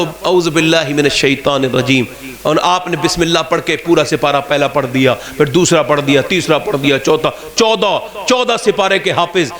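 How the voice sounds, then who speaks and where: At a religious gathering, a preacher speaking with an Indian Urdu accent begins with calm storytelling and builds up to high, shouted climaxes.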